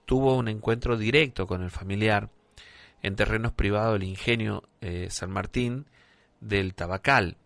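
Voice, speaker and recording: A man with an Argentine accent hosting a radio show, chatting in a relaxed way and reading out listener messages. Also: fairly low pitch, no room sound. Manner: relaxed, conversational, with fillers. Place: radio studio.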